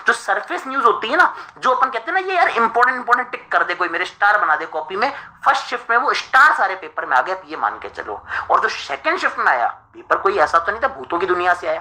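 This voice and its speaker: Male exam tutor on a live stream: chatty, lively pitch, bright voice, asks the students rhetorical questions. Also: rough recording. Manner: chatty, addresses listeners as friends, rhetorical questions. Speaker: exam coaching teacher.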